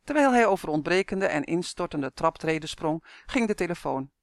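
An audiobook reader calmly narrating a children's story. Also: medium pitch, moderate pace, no echo, clean studio sound. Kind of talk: scripted narration.

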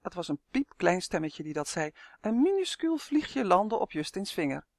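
Expressive children's audiobook narrator. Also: mid-range voice, normal speed, no room sound, clean studio sound. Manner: expressive storytelling.

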